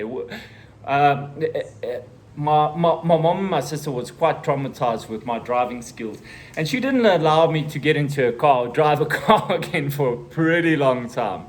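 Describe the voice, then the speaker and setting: Animated South African man telling a story. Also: fairly high pitch. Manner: animated storyteller, acts out voices and shouting. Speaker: vlogger. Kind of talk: casual storytelling to camera.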